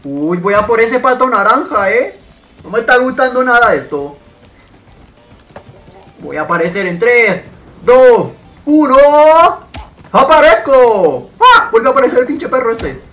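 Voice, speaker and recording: A man giving excitable gameplay commentary as a gaming channel host, shouting and swearing at the game as he plays. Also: extremely high pitch, normal speed, pauses often. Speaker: gaming YouTuber.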